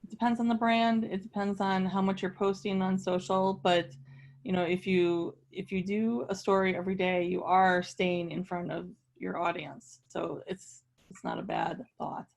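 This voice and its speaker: A woman's voice: fairly low pitch, fairly even intonation, normal speed, gravelly, darkish tone. A woman who owns a business answering questions on a webinar panel over a video call, thoughtful and hedging. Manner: thoughtful, hedging with "you know". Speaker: business owner.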